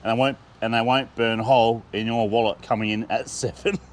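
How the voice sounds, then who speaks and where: A man's voice: mid-range voice, steady tone, a little fast. A man with an Australian accent, chatting with enthusiasm as he reviews food and laughing often. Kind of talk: casual food review vlog.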